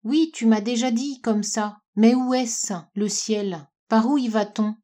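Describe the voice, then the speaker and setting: A sad, dreamy little girl, put on by a woman reading a storybook, asks her questions in a raised, plaintive voice. She sounds pleading and small, with a mellow, soft tone. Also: a little high, fairly even intonation, a little slow, natural voice.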